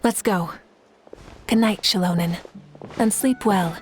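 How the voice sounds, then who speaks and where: A woman with a medium-pitched voice speaks slowly and calmly, lightly acting the part of a confident, playful female leader. Her manner is self-assured and teasing, carrying an easy, warm authority, with game music playing in the background.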